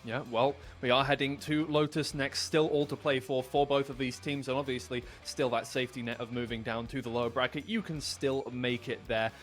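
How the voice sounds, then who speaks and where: A British man hosts an esports broadcast in a brisk, upbeat way, moving the show along and passing it to the casters. Quiet music plays behind him. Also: medium pitch, steady tone. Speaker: esports host. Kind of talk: broadcast hosting.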